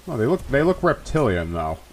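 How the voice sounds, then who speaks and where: A man's voice: mid-range voice, sing-song, brisk. A man co-commentating on a video game in casual banter, with a wry, joking way of talking. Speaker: let's play co-commentator.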